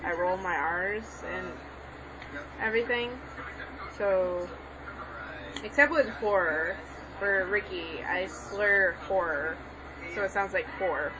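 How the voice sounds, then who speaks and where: A young woman of Mexican background speaks slowly at a medium pitch, rambling, hesitating and correcting herself during a casual spoken language lesson she gives while writing. She makes language tutorials, recording in a home room with a TV on and a crowd audible in the background. The lo-fi home recording picks up background noise.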